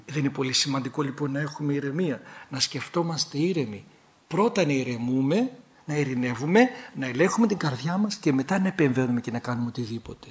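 A man, a priest, preaching a sermon with animated delivery, sudden rises in pitch and humorous asides.

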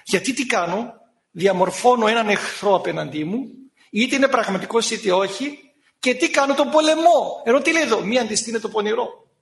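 A man with a very high-pitched voice delivers a lively sermon, now and then scolding his listeners and impersonating the people he quotes.

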